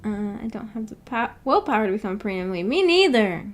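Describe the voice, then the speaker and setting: On her indoor book club livestream, shown as an animated avatar, a woman chats casually and reads out viewer comments playfully, giggling as she goes. Her medium-pitched voice swings widely in pitch and moves briskly, English is her first language, and there's slight background noise.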